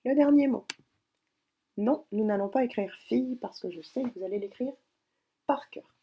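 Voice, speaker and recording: A woman teacher recording a spelling dictation lesson at home, speaking slowly and spelling words out syllable by syllable. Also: fairly high pitch, dark tone, breathy edge. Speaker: primary school teacher.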